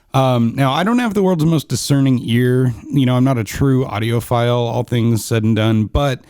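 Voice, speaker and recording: Recorded with no room sound, a mid-range male voice belongs to a podcast gear reviewer in his thirties casually testing mics in his small home studio. He speaks up close to a boom-arm studio condenser without a pop shield, staying laid-back and chatty with many ums and restarts.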